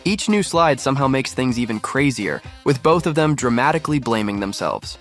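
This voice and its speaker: A man's voice: medium pitch, lively intonation, a little fast. A man reading scripted narration for a compilation video. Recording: music under the voice. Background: background music.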